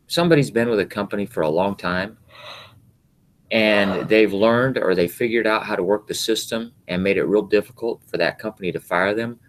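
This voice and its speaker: A middle-aged man, co-hosting a casual chat with his wife, talking in a rambling, halting way with many fillers. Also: deep voice. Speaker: podcast co-host, husband. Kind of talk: casual chat about scripture and work.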